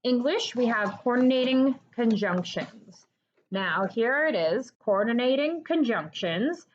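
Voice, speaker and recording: A woman with a fairly high voice, leading an online class for children. She talks in an upbeat, encouraging way and sings short memory songs. The sound is dull and lo-fi. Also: lively intonation, a little slow, slight background noise. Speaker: homeschool tutor.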